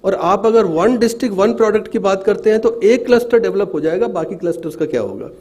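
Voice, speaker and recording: A man's voice: high-pitched, lively intonation, a little mellow. Hesitant man giving a ceremony speech. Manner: hesitant, many filler sounds, measured. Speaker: award jury member giving a speech. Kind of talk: formal ceremony speech, Hindi mixed with English.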